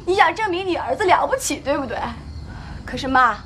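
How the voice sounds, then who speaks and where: An actress playing a young wife who has been hit, crying and shouting in a TV drama. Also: female voice, high voice, animated, brisk, heavy background noise. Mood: defiant. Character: young wife, sobbing and indignant after being hit. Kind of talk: TV drama acting.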